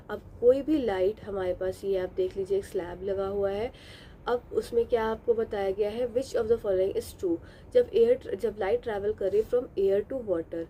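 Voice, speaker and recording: Lady teaching exam prep, keeps asking rhetorical questions, warm low-toned voice, bit of background hiss. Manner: reads English questions slowly, explains in Hindi with rhetorical questions. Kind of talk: exam prep lesson, reading questions then explaining.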